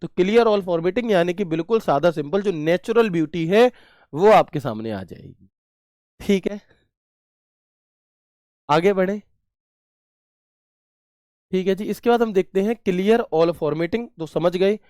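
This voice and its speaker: A man's voice: high voice, expressive, takes it slowly, long pauses, darkish tone, dry recording, studio quality. A man teaching a computer class online, chatty, asking questions and answering them himself with homely examples.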